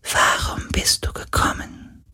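In a German audiobook, a man gives voice to an ancient, lonely sea spirit that speaks telepathically. He whispers in a hushed, breathy way, moving slowly and sounding fearful.

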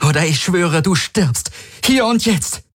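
A man's voice: mid-range voice, expressive, measured pace, a bit bright, husky, no room sound, clean studio sound, voice pushed up, full character voice. A man voicing a tough young woman fighter who barks hard, impatient commands. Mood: harsh.

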